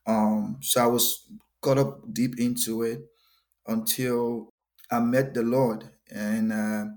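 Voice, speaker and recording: A man's voice: medium pitch, little pitch movement, takes it slowly, a little mellow. A young Liberian man with a Liberian accent, a gospel musician talking earnestly in a podcast interview and often repeating words. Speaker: gospel musician and worship leader.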